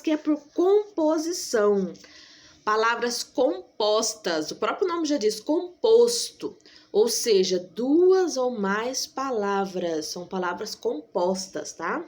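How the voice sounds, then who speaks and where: A woman school teacher giving a recorded grammar lesson, patiently repeating key points, checking in with her listeners and slowly stretching out example words. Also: mid-range voice.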